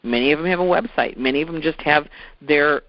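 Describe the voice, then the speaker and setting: This sales trainer speaks fairly quickly in a fairly high voice, giving a conversational how-to talk that goes step by step and repeats what matters most. It's a dry recording with dull, lo-fi quality.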